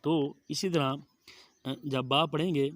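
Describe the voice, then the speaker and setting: A middle-aged man with a Pakistani Urdu accent teaching Quranic letter pronunciation, saying each sound slowly and with care. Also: a little high, dry recording. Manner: drawn-out careful letter pronunciation, monotone delivery. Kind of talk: slow methodical recitation lesson.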